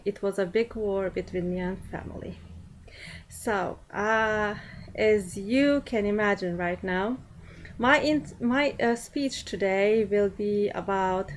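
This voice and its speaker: A woman giving a prepared personal speech to an audience in a class setting, speaking deliberately with frequent pauses and fillers. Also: mid-range voice, a little hiss or hum, low-quality recording.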